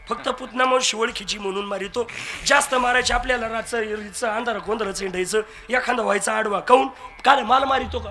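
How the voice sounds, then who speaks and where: A man preaching a devotional kirtan, telling stories with humor, acting out dialogue and asking the crowd for agreement. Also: very high voice. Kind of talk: devotional kirtan sermon with storytelling.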